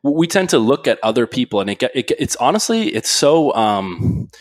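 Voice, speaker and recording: A man from Switzerland, a guest entrepreneur on a podcast, talking in an animated, casual way full of fillers and restarts. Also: mid-range voice, normal speed. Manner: animated storytelling, frequent "like" and restarts.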